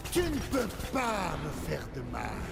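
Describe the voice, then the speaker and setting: A menacing dark wizard villain from a video game, very high in pitch. He taunts with arrogant, theatrical slowness, drawing his threats out over loud music. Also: wildly swooping pitch, creaky, full character voice. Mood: predatory taunting. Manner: slow, taunting, drawn-out delivery.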